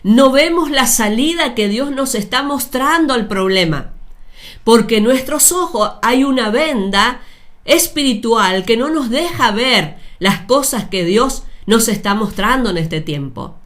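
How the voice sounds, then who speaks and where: A woman preaching a sermon, speaking deliberately with repeated phrases and addressing her listeners directly. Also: fairly high pitch, expressive, a bit bright.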